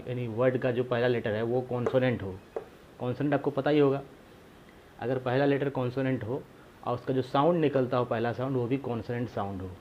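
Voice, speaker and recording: A man's voice: mid-range voice, lo-fi sound, a little hiss or hum. A man teaching a grammar lesson, explaining patiently and repeating himself, asking rhetorical questions to his viewers.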